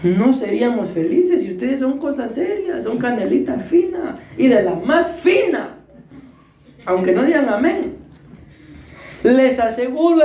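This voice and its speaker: Pastor guy preaching, high voice, kinda out of breath, jokes around, roomy church echo. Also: a little mellow. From Costa Rica. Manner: conversational, jokey preaching with questions to the congregation. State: short of breath. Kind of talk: sermon. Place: church hall.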